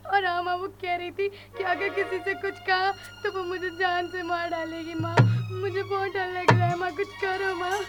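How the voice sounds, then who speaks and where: A woman's voice: extremely high pitch, flat delivery, moderate pace, hardly any pauses, over loud music. A woman playing a spoiled, scheming young daughter who threatens and lies to her parents. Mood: whining.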